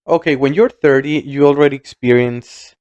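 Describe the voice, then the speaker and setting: A man's voice: medium pitch, fairly even intonation, moderate pace, darkish tone, no echo, dull audio. A man, co-hosting a casual chat, reflective and hesitant, often repeating words. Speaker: podcast co-host.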